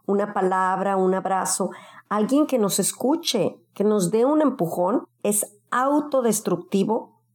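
Woman giving steady advice. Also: mid-range voice, a little slow. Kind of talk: motivational talk.

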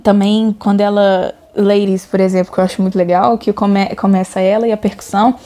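A woman's voice: medium pitch, little pitch movement, brisk, dark tone. A woman with a Brazilian Portuguese accent talking casually about a singer's voice, chatty and searching for words, often checking in with "sabe?". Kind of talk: casual music discussion.

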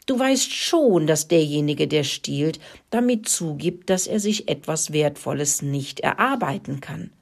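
A woman voicing a sly, stern tomcat in a storybook reading, hissing softly and menacing. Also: sits low, animated, unhurried, gravelly, few pauses, full character voice.

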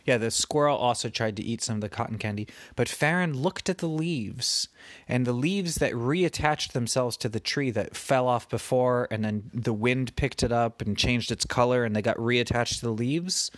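A father telling his child an improvised bedtime story in a gentle, patient way. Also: mid-range voice, normal speed, no room sound, studio quality.

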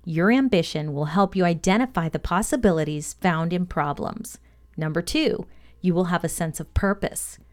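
Reading aloud from a script, a woman presents a motivational podcast lesson in a voice on the low side. She keeps a measured, deliberate, teaching tone throughout.

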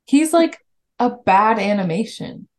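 A woman's voice: a little high, expressive, unhurried. A young woman co-hosting a podcast, chatting casually and rambling with lots of "like" and laughter. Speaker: podcast co-host. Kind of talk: casual chat.

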